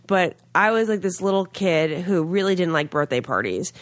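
A woman's voice: lowish voice, animated, moderate pace, no room sound. A woman hosting a podcast in casual chat, with a nasal, congested, slightly snobby-sounding voice from a cold and an emphatic storytelling manner. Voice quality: nasal, stuffed-up voice. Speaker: podcast host.

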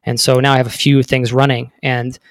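A man's voice: medium pitch, flat delivery, fairly quick, no echo, clean studio sound. A man in his thirties telling his story as a podcast guest, rambling with many fillers. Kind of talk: casual interview talk.

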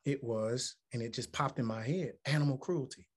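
A man's voice: mid-range voice, steady tone, moderate pace, slightly rough. Musician guest, man, 40s, from Alabama, earnest and reflective, mid-range voice. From Alabama, United States. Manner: earnest, reflective, building to emphatic points. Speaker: musician and motivational speaker. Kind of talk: interview conversation.

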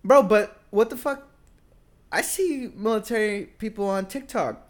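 A young man co-hosting a podcast in casual chat, animated and profane, quick to react and jump in. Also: sits high. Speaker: podcast co-host.

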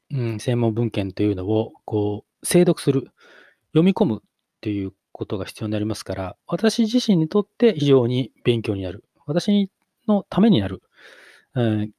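A middle-aged man hosting a solo podcast, talking reflectively with many fillers and pauses. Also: mid-range voice, dark tone, no room sound, studio quality. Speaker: podcast host.

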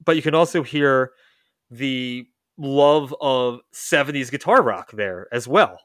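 A man's voice: medium pitch, animated, slow, a bit bright, no room sound. Chatty man with a dry close sound. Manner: rambling, self-correcting, lots of restarts. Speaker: podcast host. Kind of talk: casual chat about music history.

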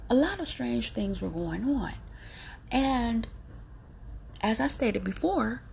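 A woman's voice: a little high, lively intonation, slow pace, creaky, a little mellow, a little hiss or hum. A woman, a vlogger giving emphatic, preachy warnings to her viewers and repeating her points. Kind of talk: emphatic direct-to-camera warning.

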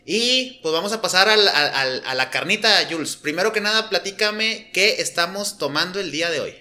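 Mexican man, podcast host, bright and slightly high voice, teasing and joking. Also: lively intonation, normal speed. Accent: Mexican Spanish. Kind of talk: casual podcast chat.

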